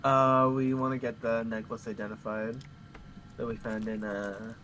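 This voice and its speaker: A man's voice: on the low side, little pitch movement, moderate pace, fairly bright tone, a little hiss or hum, poor audio. A man chatting casually with fellow tabletop players on a live stream, rambling through many restarts and fillers, with crude, playful swearing.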